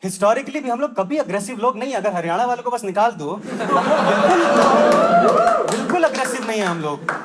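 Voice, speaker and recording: A young comedian from Delhi, India, brisk and very high-pitched with lively intonation, does conversational stand-up at a comedy club and briefly voices local characters. The background is noisy, filled with the live audience's laughter.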